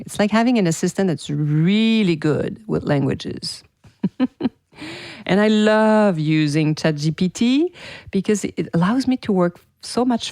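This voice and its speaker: A French-accented woman hosts her own casual solo podcast, chatting enthusiastically with listeners; she is also a PR teacher. Her voice sits low with a dark tone, recorded cleanly in a studio with no echo.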